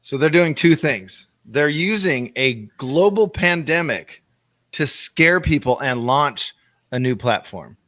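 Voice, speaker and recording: A man co-hosting a casual real estate livestream, blunt and playfully sensational, quick to interrupt. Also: fairly high pitch, expressive, fairly bright tone, no echo, studio quality. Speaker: co-host of a real estate show.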